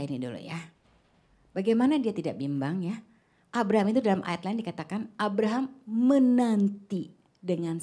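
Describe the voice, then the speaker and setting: Husky-voiced woman preaching a chatty sermon. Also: medium pitch, mellow. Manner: chatty, keeps checking in with "ya", addresses the congregation directly. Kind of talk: conversational church sermon.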